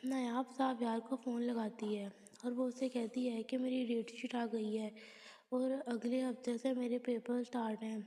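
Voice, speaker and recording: A woman retelling the plot of a TV drama episode scene by scene, reading the characters' lines in a plain recounting way. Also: a little high. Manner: plain recounting with quoted lines read flatly. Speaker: drama episode recap narrator. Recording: long hall reverb.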